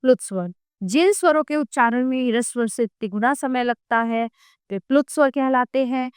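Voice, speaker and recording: A woman's voice: high voice, normal speed, clear, resonant tone, no echo, studio quality. A woman teaching a grammar lesson from an ebook, reading out definitions and listing letters one at a time, with brief asides to her students.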